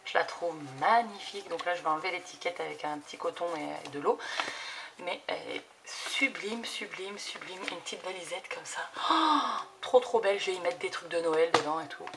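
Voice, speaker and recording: A woman in her thirties chatting casually at her home craft desk, enthusiastic and full of fillers as she unboxes gifts, recorded on a camera set low on the desk. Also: lively intonation, fast. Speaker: craft YouTuber. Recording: audible background noise.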